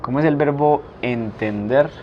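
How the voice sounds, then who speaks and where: A man teaching a language lesson, asking a prompt and then saying each answer slowly twice. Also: mid-range voice. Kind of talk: slow spoken drill lesson. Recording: dull lo-fi recording with faint noise.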